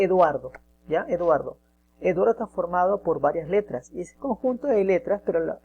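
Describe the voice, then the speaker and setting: Male teacher, mellow tone, patient step-by-step explainer who keeps asking if you follow, faint hum behind. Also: high-pitched, creaky. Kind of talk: casual spoken lesson.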